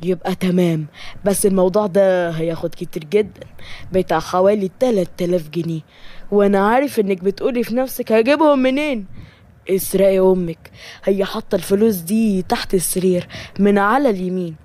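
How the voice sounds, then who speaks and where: A woman putting on a sly, low-voiced male sorcerer. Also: fairly quick, dark tone, lightly acted. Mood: scheming. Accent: Egyptian Arabic.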